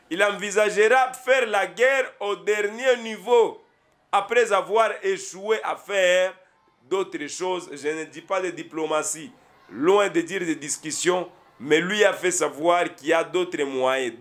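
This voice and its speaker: Emphatic Congolese commentator, higher-pitched man. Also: a bit bright. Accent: Congolese French. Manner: emphatic, repeats key points. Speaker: political commentator. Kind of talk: live news commentary.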